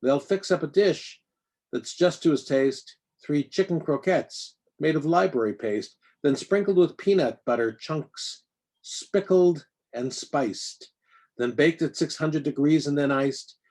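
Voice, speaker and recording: A man with a slightly high, somewhat mellow voice reads a rhyming children's picture book aloud at a measured pace. He gives the nonsense words playful, theatrical emphasis in an expressive read-aloud of storybook verse.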